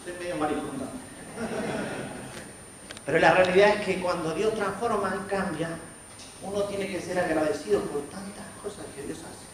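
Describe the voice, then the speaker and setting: A preacher in his forties with an Argentine Spanish accent and a slightly high voice delivers a sermon testimony, telling his own story and acting out what others said to him. He speaks at normal speed with long pauses, far from the mic in a very reverberant church sanctuary, over a faint noise floor.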